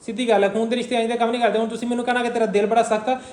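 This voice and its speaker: Fast, coaxing young Punjabi man. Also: extremely high pitch, flat delivery, a little mellow. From Punjab, Pakistan. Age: young adult. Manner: coaxing and reassuring, repeats "theek hai na?". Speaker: family vlogger. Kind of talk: casual family vlog. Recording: roomy room with faint noise.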